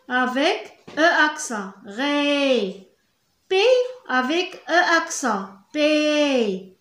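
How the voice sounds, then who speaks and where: Slow patient Moroccan woman teaching French. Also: high-pitched. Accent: Moroccan Arabic. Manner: drawn-out syllables, repeats sounds patiently. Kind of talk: slow spelled-out reading lesson. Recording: echoey room.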